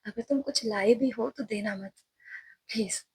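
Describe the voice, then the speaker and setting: A woman voicing a protective young wife and mother in a storybook reading, speaking in a sharp, scolding way. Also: on the high side, unhurried, a little hiss or hum.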